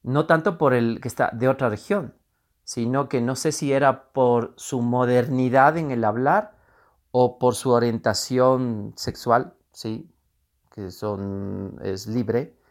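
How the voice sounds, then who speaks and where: A man's voice: medium pitch, slow. A man giving a spoken lesson on customer service, explaining patiently and often checking in with the listener.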